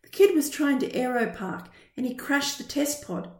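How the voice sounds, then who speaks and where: A bright, chatty schoolboy, as a woman reader puts him on, good-natured and eager, with a raised, lively pitch and a loud delivery. The storybook voice carries the echo of a roomy space. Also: moderate pace, distant mic. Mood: gossipy. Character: cheerful chatty schoolboy, talkative friend.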